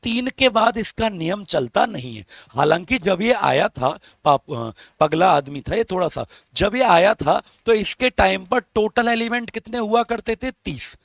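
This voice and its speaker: A man's voice: sits high, expressive, unhurried, vocal fry, hardly any pauses, dry recording, studio quality. A male teacher, giving a live exam-prep lesson, coaxing students for answers and talking through a strained throat. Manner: coaxing, calls students beta and babu, asks for comments.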